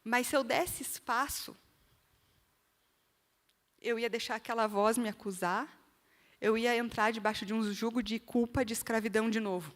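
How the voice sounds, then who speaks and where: A woman's voice: a little high, steady tone, normal speed, pauses often. A woman with a Brazilian accent giving an earnest church testimony in sermon style, speaking straight to the listeners. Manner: earnest, direct appeals to the listener. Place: church hall. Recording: long reverb of a church hall.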